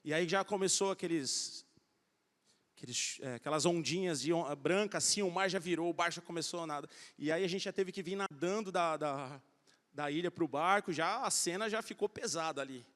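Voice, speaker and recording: A middle-aged man preaching a sermon, telling stories in an animated way and acting out the voices of the people in them. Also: fairly high pitch, brisk. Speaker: pastor. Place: large church hall. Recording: church hall reverb.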